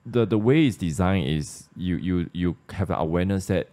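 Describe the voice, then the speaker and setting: A Malaysian man with a very low voice hosts a podcast discussion. He speaks in a casual, thoughtful way, circling back and repeating words while he works through an idea. His English carries a clear Malaysian accent. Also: lively intonation, normal speed, mellow. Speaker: podcast host.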